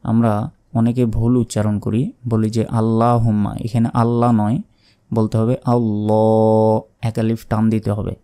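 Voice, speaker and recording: A man teaching prayer recitation, drawing out each word slowly between quick explanations. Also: on the low side, little pitch movement, warm tone. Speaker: religious teacher. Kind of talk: recitation lesson.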